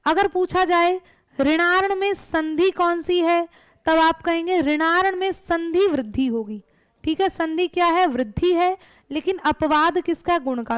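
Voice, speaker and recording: A woman's voice: very high voice, no echo. A woman teaching a grammar lesson for exam preparation, explaining step by step and answering her own questions.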